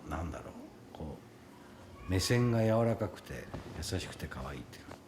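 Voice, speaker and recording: Deep-voiced man, reflective and hesitant. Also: sing-song, brisk, noisy background. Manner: hesitant, reflective, many fillers. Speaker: actor interviewed about his film. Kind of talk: casual interview answers.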